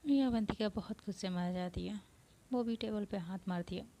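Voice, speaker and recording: A woman's voice: mid-range voice, moderate pace, mellow. A woman narrating a romance story in a casual tone, mixing English words into her narration.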